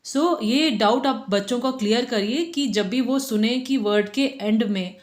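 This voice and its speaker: A woman in her thirties hosts a phonics lesson and speaks slowly with a slightly high voice. She repeats every rule patiently and mixes Hindi with English. The sound carries an echo from the room. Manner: patient, repeats each rule several times. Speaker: teacher and channel host. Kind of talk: phonics lesson for parents and kids.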